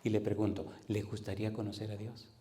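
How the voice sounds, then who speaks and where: Warm-voiced pastor in his fifties. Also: on the low side, level tone. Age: 50s. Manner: engages the audience with repeated questions; slows down to stress scripture readings. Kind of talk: sermon.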